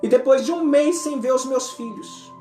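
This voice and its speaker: A man preaching an emotional testimony as an apostle, his voice often sinking to a hush. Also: very high-pitched, moderate pace. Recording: echoey church hall with music.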